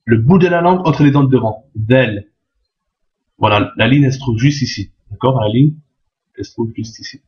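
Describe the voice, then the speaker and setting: Talking fast in a mid-range, darkish voice, this Arabic teacher still teaches patiently, walking through a language lesson step by step. Each point gets repeated, followed by a "d'accord?", and the audio is dull and lo-fi.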